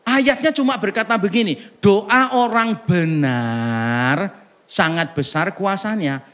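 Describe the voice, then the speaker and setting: A man preaching a sermon at a church service, with a fairly high voice. He keeps it casual and funny, teasing the congregation and throwing rhetorical questions at them. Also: fairly bright tone. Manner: humorous, conversational, teasing the congregation. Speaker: pastor.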